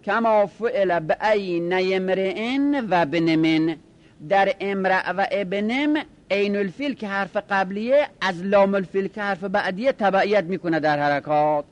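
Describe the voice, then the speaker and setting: High-voiced man teaching Arabic grammar. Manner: drawn-out chanting repetitions of word forms; quick asides between slow recitations.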